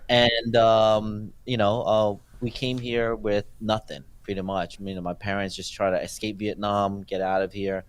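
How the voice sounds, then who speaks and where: A filmmaker in his forties, born in Thailand and raised in New Jersey, recounts his life story as a guest in a casual interview. His voice sits on the low side with a flat delivery, and he speaks haltingly, full of fillers and restarts. The recording is dry, with no room sound.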